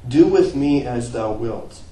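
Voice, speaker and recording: A man's voice: mid-range voice, animated, slow, far from the mic. Earnest preaching man in echoey church. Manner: earnest preaching, rising to emphatic peaks and dropping to quiet phrase ends. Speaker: pastor. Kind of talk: sermon. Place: church sanctuary.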